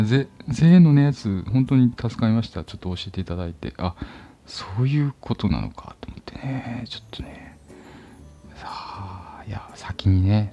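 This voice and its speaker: Low, mellow man rambling casually. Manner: rambling, many fillers, drops to whispers and chuckles. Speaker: podcast host. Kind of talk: casual solo chat. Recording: dull lo-fi phone recording.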